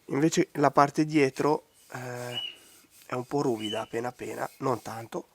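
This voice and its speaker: A man with a hoarse, congested voice giving out from a bad cold, talking casually through a hands-on craft tutorial. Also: medium pitch, a little slow, slight background noise. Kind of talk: casual hands-on DIY commentary. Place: outdoors in a garden.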